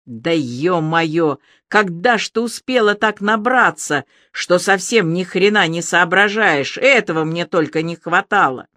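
Brief: a reader playing a furious man losing patience, harsh, slow delivery. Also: sits high, lively intonation, pushed and bright, dry recording, studio quality, exaggerated voice. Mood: angry. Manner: harsh and cutting.

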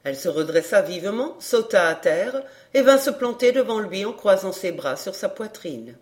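A woman reading a classic detective novel aloud in measured, clear narration. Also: mid-range voice, animated, darkish tone. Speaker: audiobook reader. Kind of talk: literary audiobook narration.

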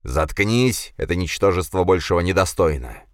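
A brutish, hot-tempered young nobleman, voiced by the narrator. He growls and barks his lines, loud and aggressive. The reading is close and dry. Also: low-pitched, animated, moderate pace, dry recording.

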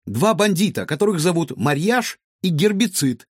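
A man's voice: high-pitched, very animated, moderate pace, husky, no room sound, clean studio sound, voice pushed up, exaggerated voice. A man voicing a stubborn little girl who protests and insists she is telling the truth. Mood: insistent.

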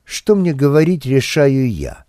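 A man doing a calm, prophetic tree-man. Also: mid-range voice, unhurried, dry recording, clean studio sound.

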